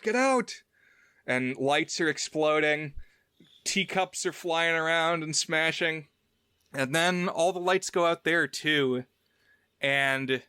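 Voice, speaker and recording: A man's voice: mid-range voice, sharp tone, smooth, no room sound, clean studio sound. A man co-hosting a film podcast, recapping a movie's plot in a loose, chatty way. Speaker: podcast co-host. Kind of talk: casual film review chat.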